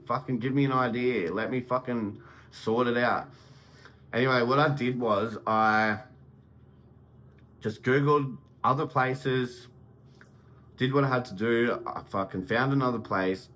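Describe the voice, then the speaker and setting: A young man talks straight to camera in a loose, profane motivational ramble, his voice sitting at an ordinary middle pitch. He keeps building up steam and turning emphatic, and a faint hiss of noise runs underneath. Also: a bit bright, rough recording. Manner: heavy swearing, gets heated and emphatic. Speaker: motivational vlogger. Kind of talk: unscripted motivational monologue.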